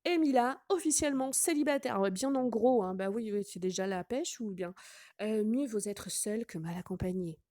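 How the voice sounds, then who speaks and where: A woman's voice: mid-range voice, normal speed, warm tone, no echo, clean studio sound. A woman hosting a gossip channel, commenting casually with sarcastic, teasing asides.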